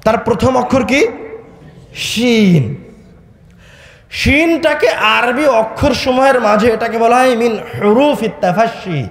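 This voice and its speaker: Fervent high-voiced male preacher in echo. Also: normal speed, few pauses. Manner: fervent, swinging from low murmurs to high shouted peaks, asks the crowd questions. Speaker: Islamic preacher. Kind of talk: sermon. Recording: echoey hall.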